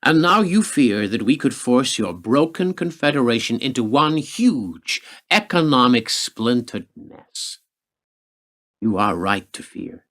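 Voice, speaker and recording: A man acts a smug, menacing senior American government official in a radio drama, sardonic, condescending and threatening. His medium-pitched voice swings theatrically up and down in a slow, sing-song delivery with a slightly bright tone.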